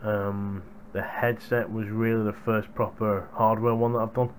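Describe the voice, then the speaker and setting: In a small room at home, a young man talks casually to viewers as a hardware reviewer, using the boom microphone on a gaming headset. His pitch is on the low side, his tone level, and his speed normal. There's a little hiss or hum.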